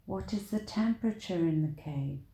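A woman leading a guided meditation in a soothing, deliberate manner, with long pauses between short phrases. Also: on the low side, expressive, warm tone, echoey room, low-quality recording.

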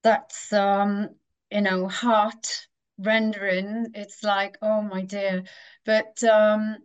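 A woman interviewer from Wales, an attentive listener who responds with soft affirmations in a conversational interview. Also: mid-range voice, flat delivery, drawn-out words, clear, resonant tone, muffled recording.

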